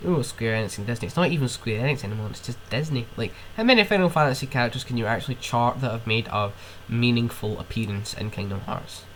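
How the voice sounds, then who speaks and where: With hardly any pauses, a young podcast host talks fast in an expressive, medium-pitched voice, with slight background noise. He's ill with a cold and rants alone in rambling, casual chat, sniffing and swearing.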